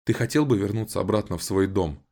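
A man's voice: on the low side, quick pace, vocal fry, a little mellow. A man voicing an anxious, wistful young woman who pleads hesitantly, in an audiobook. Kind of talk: audiobook voice acting.

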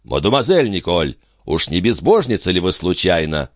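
A man's voice: low voice, big pitch swings, moderate pace, dry recording, studio quality. A man voicing a smug, pompous, self-important husband in a read-aloud story. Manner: pompous, sanctimonious.

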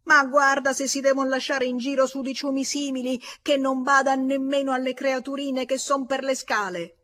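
A woman reading an audiobook aloud, voicing a furious working-class neighbor woman who shouts in a shrill, exasperated way, with an Italian accent. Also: level tone, normal speed, a little hiss or hum.

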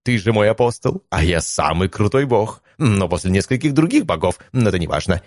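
A man voicing a rowdy, boastful male god of duels who yells in exuberant excitement. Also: lowish voice, brisk, no room sound, studio quality. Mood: exultant.

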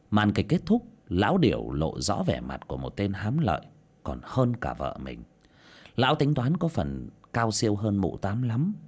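A man narrating a folk tale with an expressive, dramatic storytelling delivery. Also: on the low side, breathy edge.

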